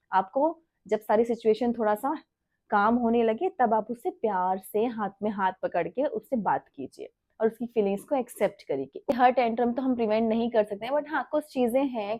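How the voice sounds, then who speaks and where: Young mom vlogger, kinda high voice, earnest parenting tips, super dry close sound. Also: female voice, mellow, dry recording. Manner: earnest, mixes English phrases into Hindi, many rhetorical "right?". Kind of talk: casual advice talk to camera.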